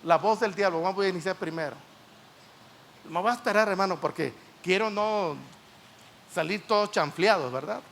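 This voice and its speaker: A man's voice: sits high, normal speed, creaky, long pauses, a bit bright, slight background noise. A man preaching a sermon at a church service, often asking the congregation rhetorical questions.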